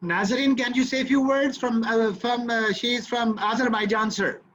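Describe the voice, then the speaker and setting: A man's voice: very high-pitched, fairly even intonation, moderate pace, fairly bright tone, slight background noise. A man politely introducing students on a video call, calling the host sir. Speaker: course organizer introducing students. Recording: muffled video call audio.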